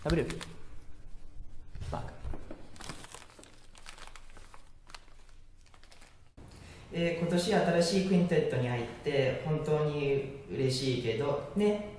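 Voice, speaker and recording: A man's voice: fairly high pitch, expressive, fairly quick, a little mellow, lightly acted. A man in his twenties playing a cheerful, chatty music student in a comedy film. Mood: chatty, teasing. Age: 20s. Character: cheerful, chatty young male Japanese wind player. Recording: echoey room with background noise.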